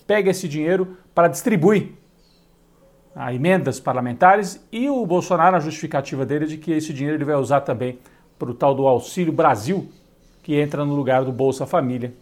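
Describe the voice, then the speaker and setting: A man's voice: fairly high pitch, animated, moderate pace, a little mellow. A Brazilian man with a Brazilian Portuguese accent giving opinionated political news commentary, with sardonic asides.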